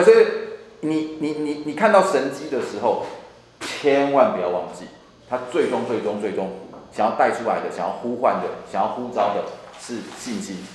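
Animated man teaching. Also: fairly low pitch. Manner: animated, repeats and restarts phrases. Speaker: Bible class teacher. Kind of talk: Bible study lecture. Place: church classroom. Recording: echoey room, faint hum.

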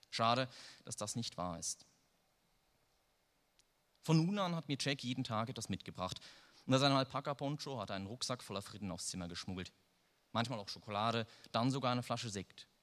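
A man's voice: mid-range voice, a bit bright. A man reading a first-person story aloud in a dry, wry manner. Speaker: narrator. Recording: long reverb.

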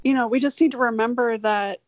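A woman's voice: on the high side, fairly even intonation, fairly quick, no room sound. A woman speaking as a panelist in plain conversational commentary. Her remote audio is dry and dull, sounding like a dated AM radio broadcast. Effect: sounds like an old AM radio broadcast. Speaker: activist group founder, panelist. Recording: muffled lo-fi remote call audio.

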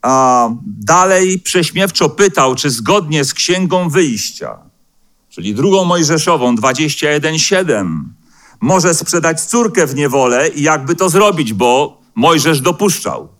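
A man preaching a sermon as pastor in a church, speaking in a measured way and slowing down to quote scripture, with the odd hesitant filler. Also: a little high, expressive, a bit bright. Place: church hall.

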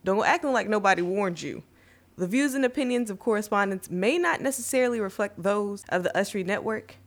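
A woman works as the announcer, reading a scripted disclaimer with a tongue-in-cheek slant. Her voice sits at an ordinary middle pitch. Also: fairly quick.

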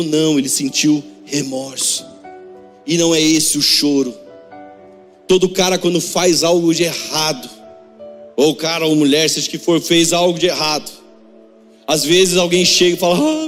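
Male pastor, fairly high voice, fervent sermon delivery that drops to a hush and rises into sung pleas, long church reverb, faint music under. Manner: impassioned, swinging from hushed to raised, half-sung pleas. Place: church hall.

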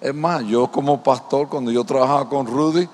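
A man's voice: medium pitch, normal speed, a little mellow. A male pastor preaching a sermon, telling stories and asking the congregation rhetorical questions. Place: church. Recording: long church-hall reverb.

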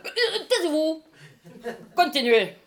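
A woman's voice: sits high, big pitch swings, takes it slowly, exaggerated voice. Woman reading a pompous French husband. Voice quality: pompous, mock-solemn. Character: indignant middle-aged husband judging his maid. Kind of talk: live stage reading.

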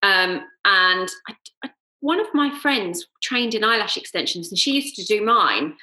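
A woman's voice: medium pitch, lively intonation, moderate pace, pushed and bright. A woman from Surrey with a southern English Home Counties accent, chatting casually and candidly as an interview guest about her own work. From Surrey, England. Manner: candid, informal storytelling. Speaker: guest, eyelash technician and business owner. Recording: roomy, echoey sound.

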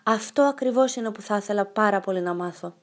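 A woman voicing a bold, cheerful, eccentric little girl in a storybook reading, with a lively, bright and playful manner. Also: mid-range voice, a little hiss or hum, natural voice.

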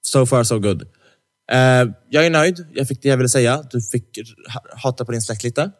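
Young male podcast co-host: chatty storyteller, acts out dialogue, jokey, studio mic. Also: mid-range voice. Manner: lively storyteller who acts out quoted dialogue; heavy slang fillers, teasing jokes. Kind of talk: casual podcast chat, storytelling. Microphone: studio microphone.

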